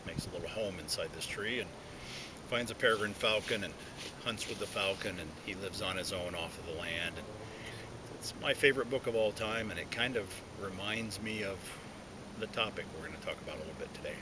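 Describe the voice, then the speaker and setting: Talking around a pipe clenched in his mouth, a man addresses viewers in a halting, reflective, relaxed solo chat. He's a video blogger perched inside a hollow tree outdoors, and the recording is noisy with a low rumble.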